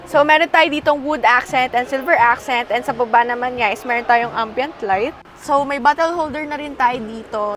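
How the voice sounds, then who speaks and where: A woman's voice: high voice, moderate pace, few pauses, fairly bright tone, a little hiss or hum, rough recording. A young woman from the Philippines giving a casual walkaround review from inside a passenger van, chatty and demonstrative as she points out each feature. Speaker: car review presenter.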